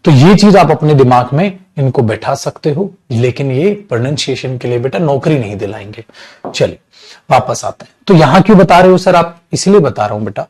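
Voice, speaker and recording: A man's voice: mid-range voice, animated, brisk, a little mellow, slightly rough, low-quality recording. A man teaching an English class online, calling students "beta" and stretching out sounds to demonstrate them.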